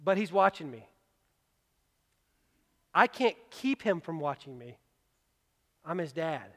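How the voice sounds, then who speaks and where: High-voiced male preacher in a reverberant hall. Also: sing-song, takes it slowly, a bit bright. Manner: conversational, emphatic preaching with personal asides. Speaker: pastor. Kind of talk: sermon. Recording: long reverb of a large hall.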